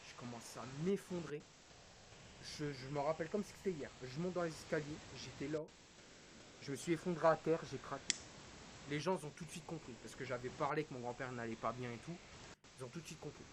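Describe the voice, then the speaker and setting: A male streamer recounting a personal loss in halting, emotional storytelling, his voice dropping to a hush and then rising again. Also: fairly high pitch. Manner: halting, quotes dialogue, swings between hushed and raised. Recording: hissy background noise.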